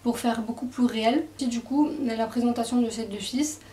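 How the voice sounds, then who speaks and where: A woman's voice: fairly high pitch, moderate pace, dark tone, recorded from a distance. A woman casually presenting a book, hesitant and full of fillers. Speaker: book reviewer. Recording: echoey room, away from mic.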